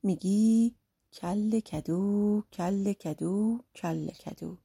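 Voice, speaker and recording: A woman's voice: on the high side, expressive, warm tone, breathy edge. A woman narrator voicing a band of male demons from a well, pleading and urgent in a folk tale audiobook.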